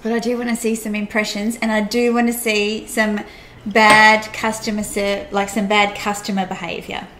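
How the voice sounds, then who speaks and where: A woman's voice: mid-range voice, level tone, moderate pace. A woman hosting a casual chat, chatty and giggly. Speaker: host. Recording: roomy with faint noise.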